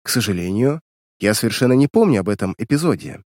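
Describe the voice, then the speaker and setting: A man voicing a calm, resolute young woman in an audiobook reading, cold and composed. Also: mid-range voice, fairly quick, no echo, studio quality.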